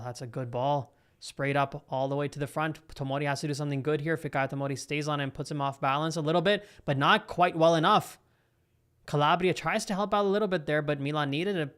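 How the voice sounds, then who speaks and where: A young man hosting a live football watch-along, calling the play with excitable reactions and chatting to his viewers. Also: fairly high pitch. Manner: excitable, talks to live chat between play calls. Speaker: live football stream host. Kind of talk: live match reaction commentary.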